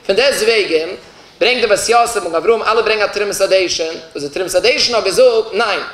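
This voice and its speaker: Recorded in a roomy space with echo, this high, somewhat bright-voiced rabbi briskly teaches a Torah class on religious law. He explains by asking questions and then supplying the answers.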